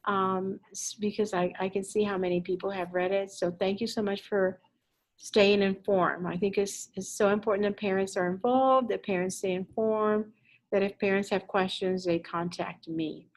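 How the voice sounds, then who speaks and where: A woman teacher in her fifties, originally from Puerto Rico, talks to parents in a recorded introduction from her classroom. She speaks in a chatty, friendly way, with plenty of fillers and small restarts. Her voice sits at an ordinary middle pitch, recorded on a laptop mic in the room. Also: fairly even intonation, normal speed, low-quality recording. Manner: chatty, warm-hearted rambling with fillers. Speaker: Spanish teacher.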